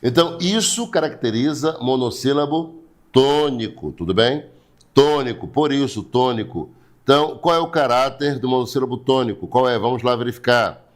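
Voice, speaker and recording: A man's voice: mid-range voice, normal speed. A Brazilian man teaching an online writing class, repeating key points step by step and reading viewers' names. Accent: Brazilian Portuguese. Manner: repetitive, explains step by step, asks rhetorical questions; greets viewers by name, blesses them.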